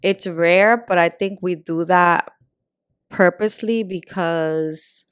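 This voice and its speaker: A young woman from Puerto Rico and the Dominican Republic talks in a candid, slangy, easygoing way as a podcast co-host. Her voice sits a bit low. The sound is close and dry, with no room around it. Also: slow, smooth, dry recording. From born in Puerto Rico, raised in the Dominican Republic. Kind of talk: casual chat.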